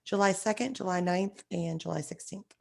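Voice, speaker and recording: Hoarse, raspy-voiced woman podcast host. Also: on the low side, moderate pace. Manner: animated storytelling, enthusiastic. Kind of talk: casual chat.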